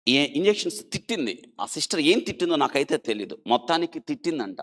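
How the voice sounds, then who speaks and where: A male doctor telling a dramatic story in an interview, swinging between loud emphasis and quiet asides and urging listeners to listen and think. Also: on the high side, big pitch swings, fast.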